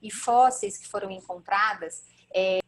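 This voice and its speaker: A woman's voice: medium pitch, rough recording. Woman with choppy, breaking-up audio. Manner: hesitant, many drawn-out fillers. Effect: choppy audio breaking up over an unstable internet connection. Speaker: travel presenter in a webinar. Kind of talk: informative presentation. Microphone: computer mic on a video call.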